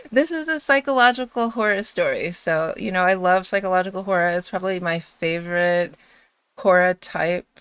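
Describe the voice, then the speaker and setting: Sleepy and just awake, a woman hosts a casual livestream chat ahead of a bedtime reading, giggling and rambling with many fillers. Her fairly low, fairly bright voice is smooth at a moderate pace, in a dry recording.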